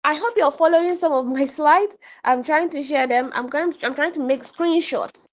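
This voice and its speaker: A woman teaching an online English communication workshop, animated and repeating points for emphasis. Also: high-pitched, normal speed.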